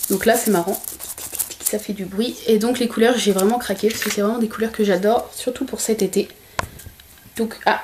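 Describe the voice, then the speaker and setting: A woman's voice: medium pitch, a little mellow, slight background noise. A young woman chatting casually in a makeup haul vlog at home by a window, with many hesitations. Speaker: beauty vlogger.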